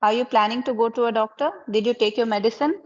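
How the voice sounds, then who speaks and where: Her voice is a little high and she talks fast, captured with lo-fi sound. She's in her thirties, from Karnataka with Kannada as her first language, and speaks Indian-accented English while patiently guiding conversation practice through lots of simple questions.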